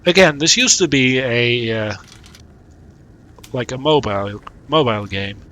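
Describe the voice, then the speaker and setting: This streamer talks his way through a puzzle game in relaxed, mumbled let's-play commentary. He has a medium-pitched, bright voice with a forceful tone, and he keeps his pace measured.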